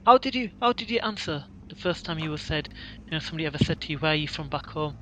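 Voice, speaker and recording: A man's voice: fairly high pitch, expressive, fast talker, rough recording. A man hosting a casual podcast chat, chatty and asking questions. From Bradford, England. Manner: chatty, asks questions, repeats words. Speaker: podcast host. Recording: loud background noise.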